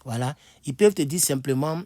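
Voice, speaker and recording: A man's voice: fairly high pitch, fairly quick, dark tone, no room sound. A tired man giving a casual online language lesson from his bed, chatty and repetitive as he demonstrates phrases. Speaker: English teacher.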